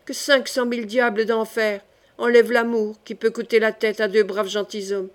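Woman voicing brash male swordsman, blustering, oath-swearing, higher register. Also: little pitch movement, normal speed, close to an everyday voice. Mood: urgent.

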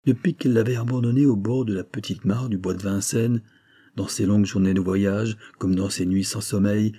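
A man reading a classic novel aloud at a slow, measured pace. His voice is low and dark, with a husky grain throughout. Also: steady tone. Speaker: audiobook narrator. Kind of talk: audiobook narration of a classic novel.

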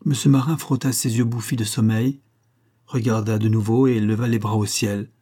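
A man reading a story aloud in measured narration, raising his voice for the characters' quoted lines. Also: lowish voice, level tone, warm tone. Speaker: audiobook reader. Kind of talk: scripted narration.

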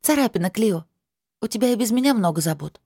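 A woman voicing a gentle young woman soldier who speaks softly and shrugs off worry. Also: mid-range voice, lively intonation, fast, breathy edge, no room sound, clean studio sound, voice pushed up.

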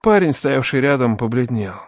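A man in his twenties narrating a first-person story at a measured, tense pace. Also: medium pitch, expressive, no room sound, clean studio sound.

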